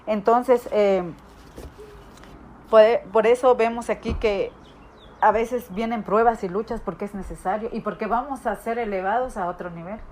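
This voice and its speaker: A woman's voice: medium pitch, normal speed, darkish tone. A woman preaches a sermon in a church hall. She tells stories from her own life and acts out the voices she quotes. A faint noise runs under the recording. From Guatemala.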